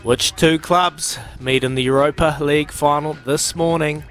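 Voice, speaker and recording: A man hosting a radio phone-in quiz with excitable, matey, slangy banter. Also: on the high side, moderate pace, soft background music. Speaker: breakfast radio quiz host. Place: radio studio.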